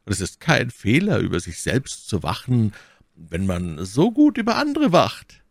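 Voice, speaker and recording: A man's voice: on the low side, huge pitch swings, a little slow, gravelly, no room sound, studio quality, voice pushed up, exaggerated voice. A man reading an audiobook and voicing a powerful, scheming cardinal with a silky, falsely friendly manner. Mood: falsely gracious. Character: scheming powerful male cardinal, smooth and menacing.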